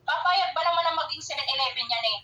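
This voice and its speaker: A woman's voice: high voice, fast, heavy background noise. A woman in casual chat, chiming in and egging her friend on.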